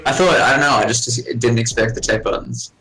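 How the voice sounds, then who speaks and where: A man's voice: medium pitch, steady tone, sharp tone, low-quality recording. A man co-commentating a fighting-game tournament in an easygoing, chatty way. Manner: easygoing, chatty, quick to laugh. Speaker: esports commentator. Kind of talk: casual co-commentary.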